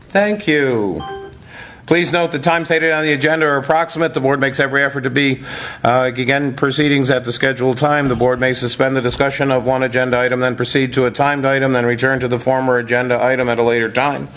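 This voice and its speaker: A man's voice: medium pitch, little pitch movement, quick pace, a bit bright. An American man speaking as board chairman, making formal, procedural remarks in a meeting room. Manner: official, procedural.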